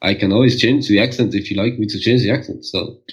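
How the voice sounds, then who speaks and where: A man's voice: fairly low pitch, steady tone, fast talker, husky, low-quality recording. A man co-hosting a football podcast, laid-back and joking. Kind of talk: casual joking podcast chat.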